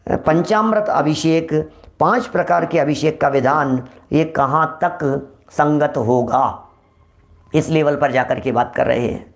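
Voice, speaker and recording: Guy giving a jain sermon, kinda high voice, lots of rhetorical questions. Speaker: Jain preacher.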